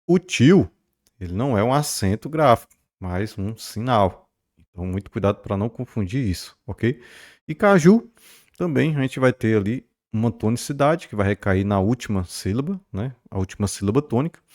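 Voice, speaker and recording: A man's voice: fairly low pitch, lively intonation, normal speed, darkish tone. A man teaching a recorded grammar lesson, checking in often with his students and drawing out stressed syllables to model words. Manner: explanatory, checks in often with "beleza?" and "né?".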